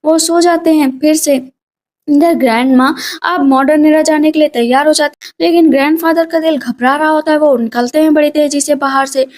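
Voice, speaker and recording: High-voiced woman narrating a drama recap. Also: fairly even intonation, darkish tone. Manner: quick storytelling, reads quoted lines in her own voice.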